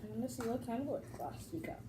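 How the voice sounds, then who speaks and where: A woman's voice: on the high side, animated, quick pace. A young girl chatting casually to camera, her speech slurred by a numb mouth after a tooth extraction. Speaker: young vlogger unboxing toys. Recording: echoey room with loud noise.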